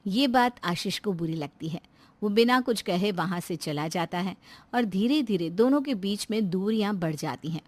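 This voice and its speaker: A woman narrating a cartoon moral story in a scripted, expressive storytelling manner. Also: mid-range voice, normal speed, no echo.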